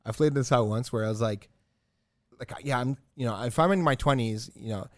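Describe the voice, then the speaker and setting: A man's voice: mid-range voice, brisk. A man in his thirties chats casually on a podcast, rambling through his points with lots of filler words. His mid-range voice sounds dry and close, with no room echo. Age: 30s. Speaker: podcast co-host. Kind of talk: casual chat.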